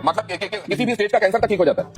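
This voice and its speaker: A man's voice: high voice, rapid-fire, loud music behind the voice. A male TV news anchor moderating a debate, pressing and interrupting his guest. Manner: persistent, interrupting, challenging.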